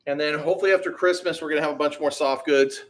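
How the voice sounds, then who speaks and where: A man's voice: a little high, steady tone, fast talker. Laid-back slangy man chatting on a livestream. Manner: laid-back, rambling, slangy with many fillers. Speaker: BMX shop owner hosting a livestream. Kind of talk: casual livestream chat, answering viewers.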